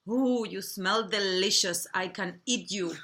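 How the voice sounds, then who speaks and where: Bright-voiced woman with a Chilean accent. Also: mid-range voice. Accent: Chilean Spanish. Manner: warm, halting, with small slips and restarts. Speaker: co-host. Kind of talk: casual product chat.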